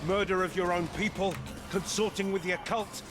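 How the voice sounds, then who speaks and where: A man's voice: sits high, steady tone, a little fast, natural voice. An actor voicing a stern male warrior boss who accuses his former sister-in-arms, in a commanding manner. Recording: game audio over loud music. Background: loud game music.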